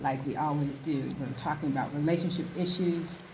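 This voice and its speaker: A woman with a low, relaxed voice talks through a show recap as a co-host. She is outdoors on a balcony by the sea, with a slight echo and faint ambient noise around her. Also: fairly quick. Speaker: podcast co-host. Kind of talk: conversational TV recap. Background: waves, ambient noise.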